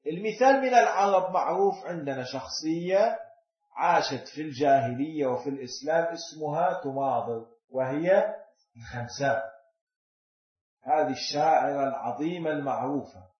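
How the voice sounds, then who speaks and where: A man giving a religious lecture, posing rhetorical questions and swinging between loud emphasis and near-hushed asides. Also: a little high, normal speed. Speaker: religious speaker. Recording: echoey hall on a dull, lo-fi recording.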